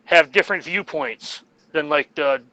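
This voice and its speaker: Guy cohosting a podcast, rambles and cracks jokes, crisp bright voice. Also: on the high side, measured pace, no echo, low-quality recording. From United States. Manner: rambling and jokey, laughs at his own jokes. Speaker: podcast co-host. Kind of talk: casual podcast chat.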